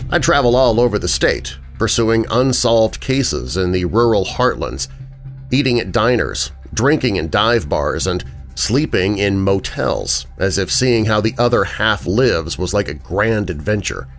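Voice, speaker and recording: Low-voiced man narrating a dark story. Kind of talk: scripted horror story narration.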